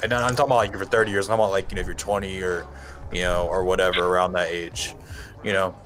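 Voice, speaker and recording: A man's voice: sits low, level tone, very fast, fairly bright tone. A young man co-hosting a casual podcast, rambling with many fillers and some swearing. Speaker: podcast co-host.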